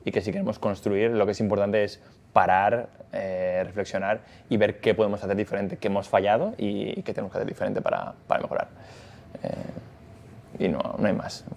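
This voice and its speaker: Fast-talking man, low voice, lo-fi sound. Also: little pitch movement, vocal fry, darkish tone. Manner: hesitant, many fillers and restarts. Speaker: factory worker and father. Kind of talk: casual conversation.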